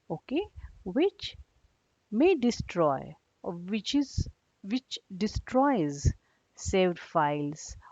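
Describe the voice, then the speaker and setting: A woman teacher leads a young class through a read-aloud lesson, going slowly and steadily in a slightly mellow voice. She puts terms in simple words and asks short questions to check they've understood. The audio is dull and low-fidelity, without echo.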